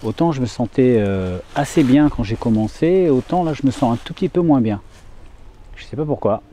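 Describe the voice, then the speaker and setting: Hesitant man vlogging in a dark forest. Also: medium pitch, animated. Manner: hesitant, lots of filler pauses. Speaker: paranormal investigator vlogger. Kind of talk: casual vlog narration. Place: forest at night, outdoors.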